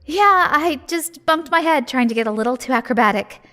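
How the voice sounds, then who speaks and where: A woman with a high, fairly bright, expressive voice plays a sly shop owner and secret agent, talking a little fast in a naturalistic audio drama. Her delivery is breezy and apologetic yet flippant and sardonic.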